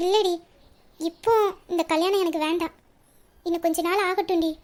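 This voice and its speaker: A woman's voice: extremely high pitch, steady tone, normal speed. A woman voicing a troubled young woman who speaks hesitantly and evasively about her marriage. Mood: pleading. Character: troubled young bride-to-be, secretly in love. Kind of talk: audio story reading.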